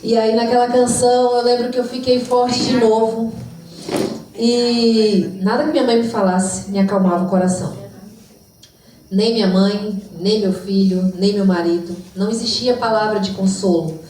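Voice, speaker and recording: A woman's voice: a little high, steady tone, moderate pace, dark tone, a little hiss or hum. A woman giving an emotional, reflective spoken testimony in church. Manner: emotional, reflective, sometimes sings. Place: church hall. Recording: distant mic in echoey church hall.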